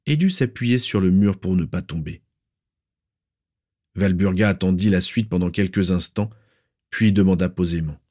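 Male audiobook narrator, lowish voice, measured dramatic reading. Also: a little mellow. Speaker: audiobook reader.

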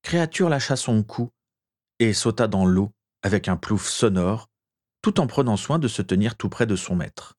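A man reading a story aloud with measured, expressive narration. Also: on the low side.

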